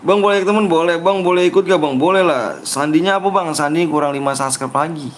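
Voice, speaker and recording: Young betawi guy on a game stream, kinda high voice, jokey teasing the viewers nonstop. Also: a little fast. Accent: Betawi Jakarta. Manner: teasing, playful, often mimics viewers' pleas. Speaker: livestream gamer. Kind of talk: casual game livestream chat.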